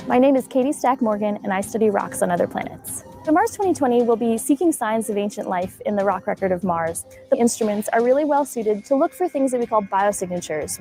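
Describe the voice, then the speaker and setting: Female planetary geologist, mellow mid-pitched voice, clear explanatory interview. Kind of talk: documentary interview.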